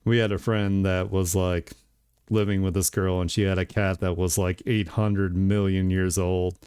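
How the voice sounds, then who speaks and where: A man's voice: sits low, level tone, normal speed, a little mellow, clean tone, no room sound, clean studio sound. A man streaming his digital art and chatting casually, laid-back and rambling, with lots of laughter and filler words. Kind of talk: casual chat while drawing on stream. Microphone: desk mic with webcam.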